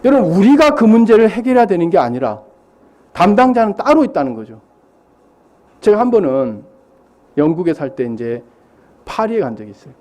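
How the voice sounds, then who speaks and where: A man's voice: high-pitched, big pitch swings, fairly quick, pauses often, darkish tone. A man preaching a sermon as a missionary, telling stories with animation and quizzing the congregation.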